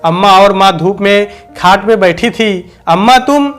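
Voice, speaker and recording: A man reading a family story aloud as storyteller, in a steady, even narration. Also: high voice, a little slow.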